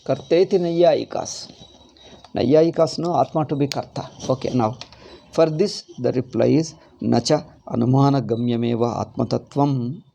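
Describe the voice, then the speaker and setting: A man's voice: mid-range voice, normal speed, creaky, dark tone, muffled recording. A man with a South Indian accent teaching scripture in a lecture style, explaining emphatically with repetition and rhetorical questions. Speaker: Vedanta teacher. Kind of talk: spoken scriptural lecture with Sanskrit quotation and commentary.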